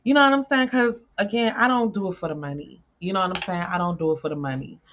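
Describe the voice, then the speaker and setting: A woman's voice: on the low side, quick pace, a bit bright, highs cut off, slight background noise. A woman tarot reader chatting casually to her viewers, repeating herself and swearing freely.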